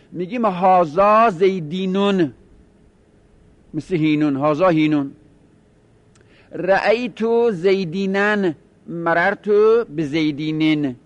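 A man teaching a grammar lesson, explaining step by step and slowly repeating example words. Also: high-pitched.

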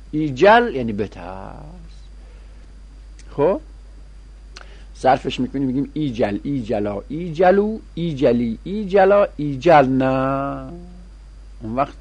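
A man leads a grammar lesson with a husky, slightly breathy voice. He chants long lists of verb forms in a sing-song rhythm, then explains the rules in plain talk. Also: medium pitch, a little mellow, no room sound, highs cut off. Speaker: teacher. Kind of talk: Arabic grammar lesson, conjugation drills.

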